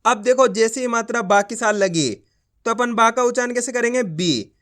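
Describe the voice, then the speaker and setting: Guy teaching reading, sounds out every syllable slow, keeps checking you got it. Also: extremely high pitch, a bit bright. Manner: slow syllable-by-syllable drilling, asks learners to repeat along; often asks whether it is clear. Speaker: Hindi teacher. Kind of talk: spoken lesson with letter-by-letter reading.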